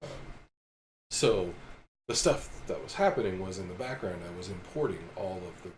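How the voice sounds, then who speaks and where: A man co-hosting a casual developer chat, explaining his work in a relaxed way. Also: sits low, moderate pace, slight background noise. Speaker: game developer, co-host.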